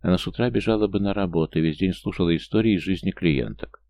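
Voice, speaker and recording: A man reading an audiobook in a measured, even scripted narration. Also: deep voice, gravelly, no echo.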